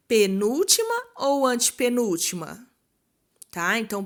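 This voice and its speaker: A Brazilian woman teaching a recorded school lesson, slowly drawing out words to show their stressed syllable and playing her pupils' questions herself. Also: on the high side, fairly bright tone. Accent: Brazilian Portuguese. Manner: voices imagined pupils' questions.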